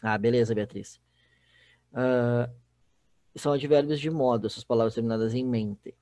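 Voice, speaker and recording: Speaking at a moderate pace in a dark, medium-pitched voice, this Spanish teacher has a Brazilian Portuguese accent. His recorded online lesson proceeds step by step with regular check-ins to students, and there's no echo.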